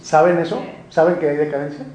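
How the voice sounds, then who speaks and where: A man with a somewhat high voice lectures to a class, working through each point and asking questions back to keep the students with him. The recording carries the echo of a roomy classroom. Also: animated, quick pace, a little mellow. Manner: explanatory, checks in often with rhetorical questions. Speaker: teacher.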